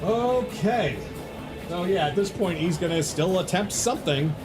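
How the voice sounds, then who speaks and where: Lively high-voiced man running the game. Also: unhurried, over music. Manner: casual, laughing, swears freely. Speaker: dungeon master. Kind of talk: running a tabletop game over voice chat.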